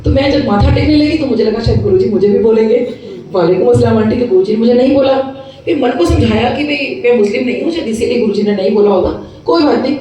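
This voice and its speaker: A middle-aged woman, a dentist, telling a devotional testimony in a lively storytelling way, acting out the voices she quotes and slipping in English phrases. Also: a little high, quick pace. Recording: echoey room, mic at a distance.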